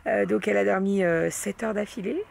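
A young woman chats casually to her camera as a vlogger, with plenty of hesitations and filler sounds. Her voice sits at an ordinary pitch with a gravelly fry at the edges. She talks in a loose, unscripted way. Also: a little fast, darkish tone, slight background noise. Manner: chatty, full of hesitations and fillers.

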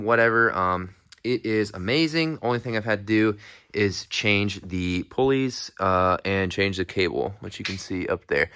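The speaker is a young American fitness vlogger showing off his metal-walled garage-shop home gym indoors, talking in a relaxed, improvised, slang-heavy ramble. A handheld phone held behind the camera view picks up his low-pitched, slightly bright voice. The sound is dry and of studio quality.

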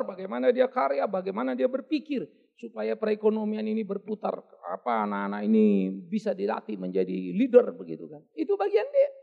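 A man's voice: high voice, vocal fry, mellow, lo-fi sound. A male pastor, preaching a sermon at a church service with playful wordplay and rhetorical questions.

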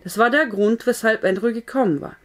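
A woman reading a historical novel aloud in a steady narrating voice, now and then correcting a slipped word. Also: a little high, a little fast. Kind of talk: audiobook-style story reading.

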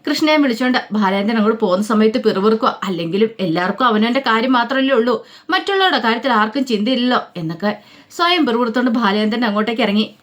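A woman's voice: a little high, animated, fast talker. A woman narrating a dramatic story in a casual, colloquial way, reading every character's lines in her own voice.

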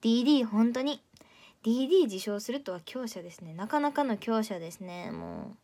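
Playful Kansai teen girl, somewhat high. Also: big pitch swings, fast talker, dark tone. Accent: Kansai Japanese. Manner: playful and teasing, chatty. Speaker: idol audition candidate streaming live. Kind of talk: casual livestream chat reading viewer comments.

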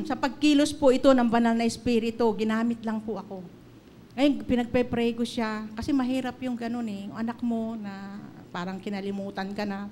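A middle-aged woman preaching in an earnest, storytelling way, her voice sitting a little high. Faint background noise hums under her words. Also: steady tone, moderate pace, a little mellow. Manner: earnest, storytelling, mixing in English phrases. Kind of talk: sermon with personal testimony.

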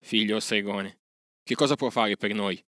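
A man's voice: fairly low pitch, moderate pace, a bit bright, no echo, clean studio sound, close to an everyday voice. A man reading aloud and voicing a wounded, frightened village husband who speaks curtly and gloomily. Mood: hopeless.

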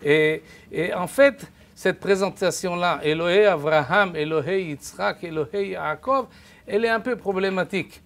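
In a lecture room with a projector screen, an older man teaches the Bible live, recorded by a distant camera rather than a microphone. A native French speaker, he talks haltingly with frequent restarts and repeated words, projecting to be heard. His voice sits high and sounds a bit bright.

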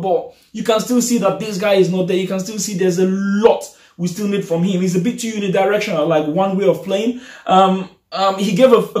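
A high-voiced young man talks straight into a camera set up in front of him, venting after a match. He sounds animated and frustrated, gesturing as he goes. The small room adds a clear echo. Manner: animated, frustrated, gestures a lot while talking. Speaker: football fan vlogger. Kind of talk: casual post-match reaction.

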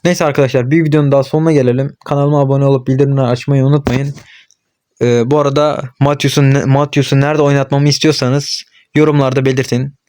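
A young gaming channel host commentates live on his own football match while playing, talking to himself and spurring on the on-screen players. Frustrated and worked up, he has outbursts. His voice is mid-range and a little mellow, delivered flatly and fast.

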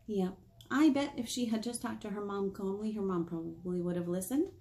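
An American storytime host in her thirties, working as a children's librarian, speaks to young listeners in simple phrases and asks them questions. Her medium-pitched voice is mellow and brisk, with slight background noise, in a small indoor room with a painted wall.

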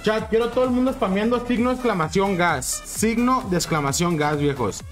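High-voiced hyped Mexican streamer guy. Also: fairly quick, soft background music. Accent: Mexican Spanish. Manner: hyped, slangy, keeps urging chat. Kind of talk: casual livestream chat with viewers.

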